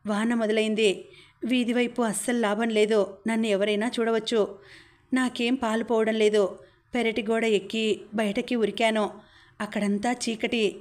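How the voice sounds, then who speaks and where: A woman's voice: fairly high pitch, flat delivery. Woman narrating a novel in first person. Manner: measured, dramatic storytelling. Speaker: audiobook narrator.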